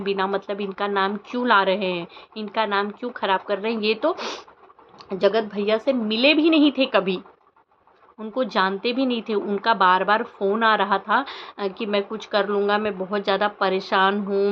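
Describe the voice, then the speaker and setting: A woman vlogger with a mid-range voice insistently shares her opinions on a social media controversy with her viewers, firing off pointed rhetorical questions. The audio is dull, with slight background noise.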